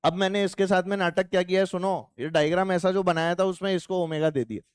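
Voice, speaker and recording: A man's voice: high-pitched, fairly even intonation, quick pace, smooth, dry recording, studio quality. A male physics teacher giving a playful, chatty classroom lecture and teasing his students.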